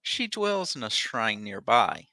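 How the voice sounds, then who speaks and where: A man voicing the gruff ghost of an old sea captain in salty sailor talk for a tabletop game. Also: fairly low pitch, wildly swooping pitch, slow, pushed and bright, dry recording, full character voice. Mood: grave. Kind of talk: tabletop role-play.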